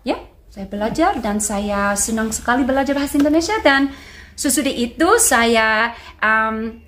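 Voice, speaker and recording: A woman's voice: a little high, normal speed, fairly bright tone, slight background noise. A woman, an English speaker, speaks Indonesian as a foreigner and mixes in English while giving casual answers as a language teacher.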